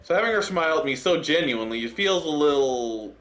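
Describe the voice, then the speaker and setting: A man's voice: fairly high pitch, brisk, faint music behind. A man gaming YouTuber reading a visual novel aloud, cracking jokes between lines. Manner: animated, joking.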